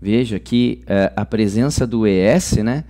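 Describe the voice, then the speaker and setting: A Brazilian man teaching grammar in a chatty, informal way, often checking in with his students. His voice sits low and sounds warm and dark. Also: a little slow. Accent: Brazilian Portuguese. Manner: chatty, says "ok?" and "moçada" often. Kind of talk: online grammar lesson.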